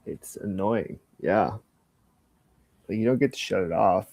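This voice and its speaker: A man's voice: on the low side, unhurried, darkish tone, dry recording. An older man co-hosting a casual podcast, rambling through stories and ideas, swearing freely and acting out both sides of a conversation. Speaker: podcast co-host. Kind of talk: casual chat.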